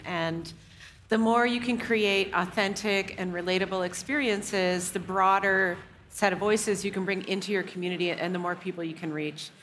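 A woman in her forties who runs a game studio speaks fluently and with assurance on a live event stage. Her voice is slightly low, and faint venue ambience sits behind her headset mic. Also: a bit bright, slight background noise. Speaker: studio head. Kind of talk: live stage panel discussion. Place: large indoor event stage.

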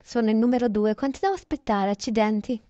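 Speaking quickly in a mellow, fairly high voice, a woman improvises a casual roleplay of her day for a toy-game video, chatting and self-correcting. There's no echo, and the highs are cut off.

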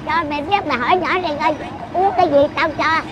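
A woman's voice: high voice, quick pace, over a noisy crowd. A woman in her eighties chatting casually outdoors, blunt and teasing as she scolds the person she talks with. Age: 80s. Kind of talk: casual chat.

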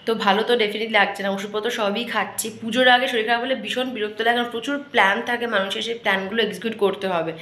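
A woman's voice: fairly high pitch, steady tone, fast talker, hardly any pauses, fairly bright tone. A woman chatting casually to viewers in a home vlog, her voice congested from a cold and a sore throat. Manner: chatty, talks to viewers while showing around. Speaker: vlogger. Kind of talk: casual daily vlog chat. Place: home kitchen. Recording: roomy echo, faint background noise.

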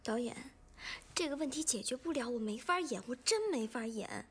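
Defiant young newcomer, high voice. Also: female voice, lively intonation, normal speed, fairly bright tone, breathy edge, exaggerated voice. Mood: stubborn. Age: young adult. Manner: stubborn, defiant. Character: young newcomer actress refusing a scene. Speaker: newcomer actress. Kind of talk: film drama acting.

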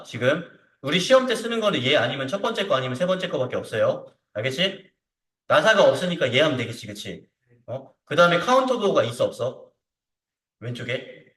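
With a medium-pitched, animated voice, a male CAD instructor leads a hands-on software tutorial. He keeps it informal, repeatedly asking short tag questions to make sure he's followed, while the distant mic records plenty of room echo.

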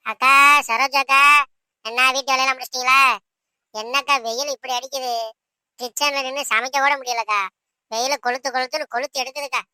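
A chatty village gossip trades news about the neighbours in this cartoon. She talks fast in a bright voice, recorded dry and close. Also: steady tone, clear, resonant tone, dry recording. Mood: gossipy. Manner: chatty gossip, lower and softer.

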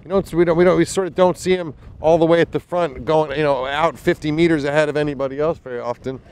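Talking fast into a handheld mic with a fuzzy windscreen, a thirty-something man calls a sailing race live from a small motorboat outdoors on open water. He's chatty and enthusiastic, with lots of fillers and restarts; his voice is a little high, a little mellow, and smooth, with fairly even intonation.

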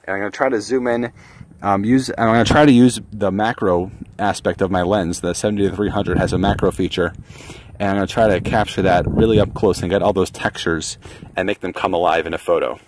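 A man's voice: sits low, steady tone, a little fast, slight background noise. A man in his thirties explaining his landscape photography as he hikes a desert mountain trail, filmed with a camera held at arm's length. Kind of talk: casual vlog narration while hiking.

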